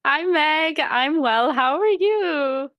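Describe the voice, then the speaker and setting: A woman from Tanzania, a coach, talking as a guest on a podcast, warm and quick to laugh. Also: high voice, animated, no echo. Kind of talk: podcast interview.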